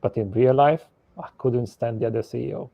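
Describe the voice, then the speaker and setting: A Hungarian man, appearing as a guest, tells his story candidly and matter-of-factly in a conversational way. His medium-pitched voice is creaky, steady and a little fast. The audio is dry and lo-fi, with no room sound.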